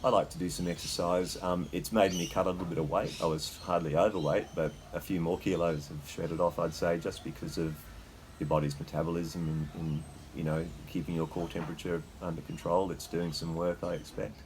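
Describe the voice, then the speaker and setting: Low-voiced Australian man, slightly shivering. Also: fairly even intonation, a little fast, noisy background. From Queensland, Australia. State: slight shiver in the voice from sitting in icy water. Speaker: host. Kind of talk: casual unscripted talk. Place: sitting in a freezer full of icy water.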